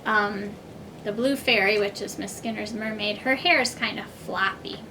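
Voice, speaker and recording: A woman speaking as a kindergarten teacher, with simple, deliberate phrasing as if reading to a toddler. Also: mid-range voice, noisy background. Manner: simple, deliberate phrasing addressed to small children. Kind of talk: children's reading lesson, as if reading to a toddler.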